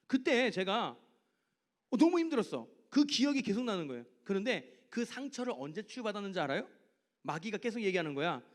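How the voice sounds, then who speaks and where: A man with a high voice preaches a youth sermon in a church service. He tells stories from his own life and keeps putting questions to the teens in front of him. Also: a little fast. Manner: animated, asks the teens direct questions. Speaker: youth pastor. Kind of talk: youth sermon with personal storytelling.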